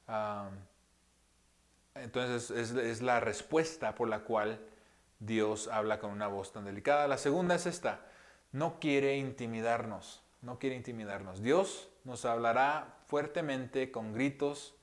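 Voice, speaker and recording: A pastor delivers a teaching sermon in a conversational, gentle way, full of pauses, fillers and rhetorical questions. His voice is mid-range and often drops to a hushed, soft tone.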